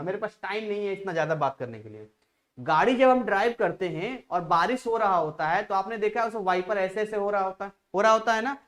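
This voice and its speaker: A man's voice: sits high, fairly bright tone. Chatty male physics teacher. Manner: chatty, digresses, repeats phrases to drill a point. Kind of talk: live online class lecture.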